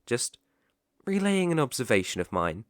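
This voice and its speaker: A mid-pitched man voices a devoted young British butler for ASMR, speaking with formal deference and a soft, attentive manner in a natural, sing-song voice. The mood is lightly teasing and the pace moderate. Audio is close and dry, with no room sound.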